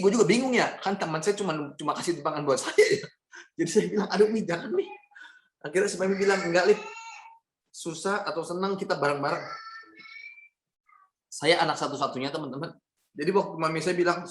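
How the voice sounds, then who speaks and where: A young motivational speaker gives a personal testimony talk, sharing his story with an audience he addresses as his friends and acting out the dialogue. His voice sits on the high side, and the sound is roomy.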